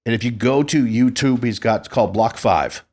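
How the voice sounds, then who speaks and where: A man's voice: mid-range voice, moderate pace, a little mellow. A man in his sixties hosting a podcast, telling stories in a boastful, profane, casual way. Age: 60s. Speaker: podcast host.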